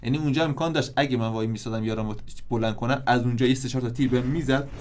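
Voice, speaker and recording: A man giving casual, excitable commentary over his gameplay, often restarting and repeating himself. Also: mid-range voice, slight background noise. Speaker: gaming YouTuber.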